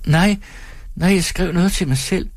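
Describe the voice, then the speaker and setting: A man's voice: high voice, dry recording, clean studio sound, pitched above the performer's own voice. A man reading an audiobook voices a timid, childlike woman with a thin voice and a thick-tongued speech impediment. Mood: flustered. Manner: hesitant, shy, whispering.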